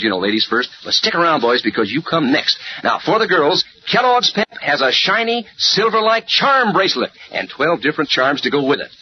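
An American man doing a chummy, peppy 1940s radio advertising pitch as a sponsor announcer. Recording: dull vintage radio recording, faint music.

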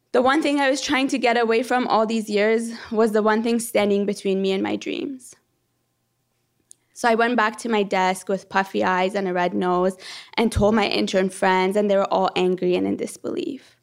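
On stage, a young Iranian woman who is a PhD candidate shares a personal story. She speaks in an earnest, measured and reflective way, with a fairly high pitch.

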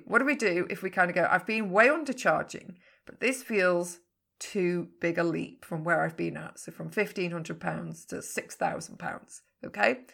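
Gravelly, bright-voiced woman coach. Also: mid-range voice. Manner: frank and emphatic, with casual swearing. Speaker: business coach. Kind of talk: podcast teaching monologue.

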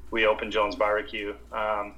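Halting, flat-voiced man telling his story. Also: fairly low pitch, muffled recording. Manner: halting, many restarts and repeated words. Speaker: restaurant owner, guest. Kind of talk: casual interview storytelling.

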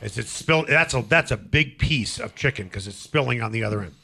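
A man's voice: medium pitch, lively intonation, fairly quick, creaky, bright, forceful tone. A man hosting a sports radio show in the studio, chatty and enthusiastic, also reading sponsor spots. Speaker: radio talk show host. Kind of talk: casual studio chat.

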